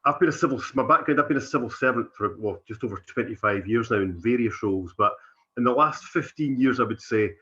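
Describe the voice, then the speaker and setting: A man, a civil servant introducing himself on a video call, steady with restarts. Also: medium pitch, fast talker, muffled recording.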